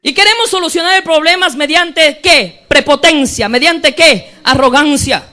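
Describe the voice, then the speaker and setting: A man preaching a sermon with passion, often raising his voice to a shout. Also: extremely high pitch, normal speed.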